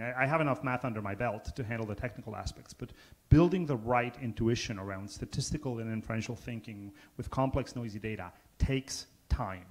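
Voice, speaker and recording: Panelist man, 40s, reflective and emphatic, handheld mic in a meeting room. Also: medium pitch. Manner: thoughtful, searching for words, emphatic. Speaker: panelist, statistics faculty. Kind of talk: panel discussion. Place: conference room.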